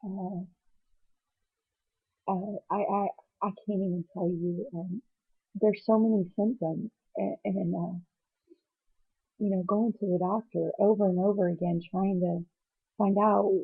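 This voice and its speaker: Woman, teary as after crying, slow halting delivery, flat intonation, confessional video diary, dull lo-fi sound. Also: mid-range voice, creaky, breathy edge. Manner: halting, hesitant, searching for words. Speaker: patient vlogger.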